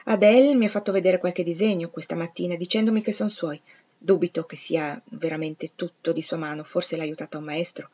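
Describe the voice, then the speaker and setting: A woman voicing a brusque, commanding middle-aged gentleman who fires off curt, imperious questions. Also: on the low side, steady tone, fairly quick, breathy edge. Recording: slightly dull lo-fi recording.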